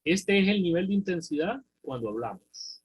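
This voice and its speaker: Here a Honduran-accented man works through a problem out loud in a recorded math and physics class, pausing to quiz his students. He speaks at a moderate pace in a high-pitched, sing-song voice with a breathy edge, captured in low quality.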